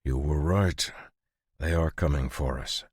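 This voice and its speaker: A man voicing a calm, curt young swordsman who speaks steady and unhurried. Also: very deep voice, husky, dry recording, studio quality, exaggerated voice.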